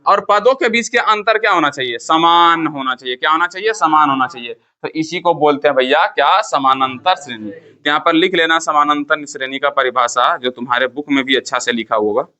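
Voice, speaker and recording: A man's voice: on the high side, brisk, pushed and bright. A male math teacher with a Bihari Hindi accent, lecturing a class. He asks questions, answers them himself and counts through the steps. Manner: counts step by step, repeats key terms.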